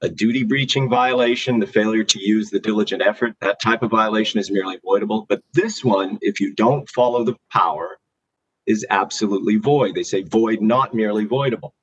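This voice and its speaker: A man speaking as a lawyer in formal oral argument, deliberate and emphatic. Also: fairly low pitch, breathy edge, highs cut off. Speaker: lawyer arguing an appeal.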